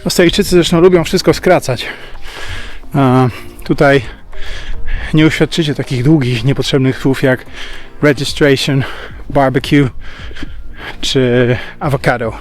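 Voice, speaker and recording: A man's voice: medium pitch, steady tone, normal speed, soft background music. A man talking casually in a travel vlog, chatty and explanatory, recorded outdoors at a campsite. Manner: chatty and explanatory, with thinking-aloud fillers. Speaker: travel vlogger.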